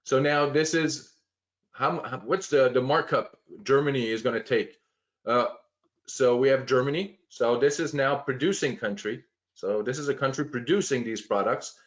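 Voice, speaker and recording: Over dull-sounding audio, a man at medium pitch and moderate pace trains viewers on planning software via screen share. He goes step by step, often restarting sentences and filling pauses.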